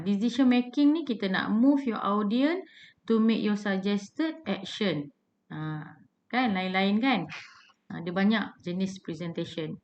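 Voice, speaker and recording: Malaysian lady lecturer, casual and chatty, lots of "ah"s, kinda lo-fi sound. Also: medium pitch. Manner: chatty, many fillers, mixes English terms.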